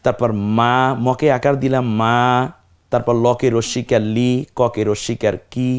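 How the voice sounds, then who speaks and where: A man teaching Quran recitation, building words syllable by syllable and repeating each one slowly. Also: mid-range voice, level tone, a little mellow, smooth. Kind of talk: step-by-step recitation lesson.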